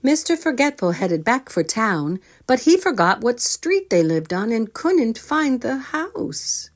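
Speaking at a measured pace in a slightly high voice, a woman reads from a children's storybook. Her delivery is expressive, aimed at young listeners as a storyteller would, and she poses questions to her audience.

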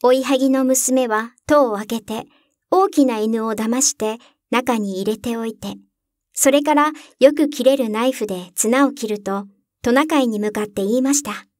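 A woman calmly reading a fairy tale aloud as narrator, close to the microphone. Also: fairly high pitch, normal speed, no echo. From Japan.

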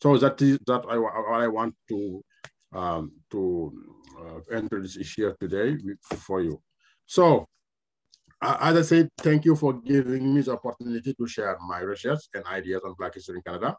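Low-ish male lecturer from Senegal, French native, Senegalese French accent, halting delivery with fillers, headset video call. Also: animated. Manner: halting, many filler uhs and restarts. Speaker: history lecturer. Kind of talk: online lecture presentation. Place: home room with shelves, indoors.

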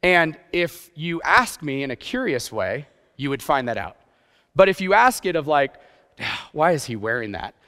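On an indoor church stage, a middle-aged guest preacher who also works as a youth pastor talks informally, poking fun at himself and asking rhetorical questions. He grew up partly in Japan. His voice is somewhat high and a bit bright, and the audio has a reverberant, hall-like quality.

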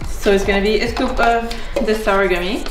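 A woman's voice: mid-range voice, fairly even intonation, brisk. Chatty young woman in a roomy garage gym. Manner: chatty, hesitant fillers, light laughs. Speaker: fitness athlete. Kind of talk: casual vlog with training tips. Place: home garage gym and kitchen. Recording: roomy garage with hip hop music behind. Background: hip hop music.

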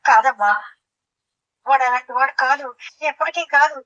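A woman voicing a calm older mother-in-law who soothes and pleads, protective of her son. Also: high voice, normal speed, muffled recording. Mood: soothing.

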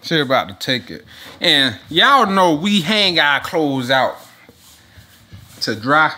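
A woman filming a casual family vlog, chatty and quick to laugh. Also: low-pitched, sing-song, bright, forceful tone. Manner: laughs often, informal Southern-style slang. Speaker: vlogger.

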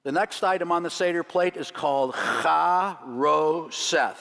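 A man's voice: fairly high pitch, unhurried, gravelly, a bit bright. A man leading a congregation through the items of a Seder plate, teaching in a sermon style with light jokes and chuckles. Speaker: rabbi leading a Seder demonstration. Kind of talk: sermon demonstration. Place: church sanctuary. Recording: long church hall reverb.

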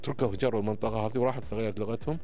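This podcast guest, a man in his fifties with a Kuwaiti Gulf Arabic accent, talks very fast in a fairly low, dark voice with fairly even intonation. His manner is emphatic and didactic, full of frequent tags checking that he's understood. A close boom-arm mic captures him in an indoor studio, faint music behind.

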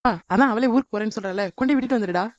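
A woman voicing a sharp-tongued, jealous young woman in a cartoon, scolding and sarcastic. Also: on the high side, very fast, dry recording, muffled recording, close to an everyday voice. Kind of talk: animated cartoon dub.

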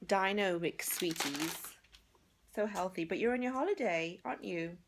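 A woman's voice: on the low side, lively intonation, normal speed, very noisy. Chatty woman vlogging from a hotel room. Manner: chatty and rambling, with frequent fillers and giggles. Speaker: family vlogger. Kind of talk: casual vlog chat to camera. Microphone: handheld camera held at arm's length.

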